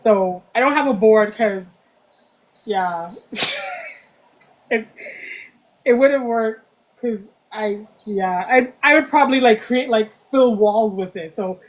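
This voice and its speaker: A woman's voice: fairly high pitch, slow, pauses often, low-quality recording. A woman author chatting casually as a podcast guest, telling things animatedly and acting out remarks. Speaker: interviewed author. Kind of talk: casual podcast interview chat.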